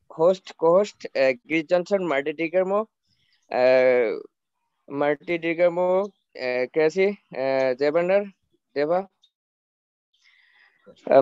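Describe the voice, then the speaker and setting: A man, greeting people on a video call in halting, broken full of fillers. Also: a little high, darkish tone, clean tone, no echo, muffled recording. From Bangladesh. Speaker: webinar participant.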